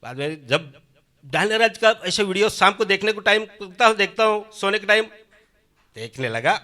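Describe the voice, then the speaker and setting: A middle-aged man giving a rambling, emotional personal testimony, swinging from soft to loud. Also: high-pitched, lively intonation, normal speed. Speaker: church member giving testimony.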